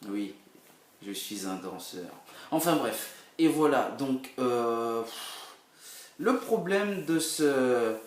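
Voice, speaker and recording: A young man reviewing a film casually, rambling with many fillers and bursts of excitement. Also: mid-range voice, slow pace. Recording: roomy echo, a bit far from the mic.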